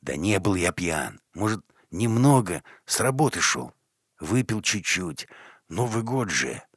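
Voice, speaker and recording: A man's voice: low voice, very animated, unhurried, slightly rough, no room sound, clean studio sound, pitched above the performer's own voice, heavily acted. A man voicing a confused, defensive middle-aged working man in an audiobook story. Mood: bewildered.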